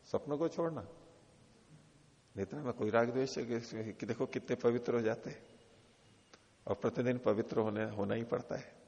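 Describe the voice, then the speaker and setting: A man with an Indian accent giving a scripture lecture, explaining slowly, chanting Sanskrit quotes and asking and answering his own questions. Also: medium pitch, gravelly, darkish tone. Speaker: Vedanta teacher. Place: ashram lecture hall. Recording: dull lo-fi audio, long hall reverb.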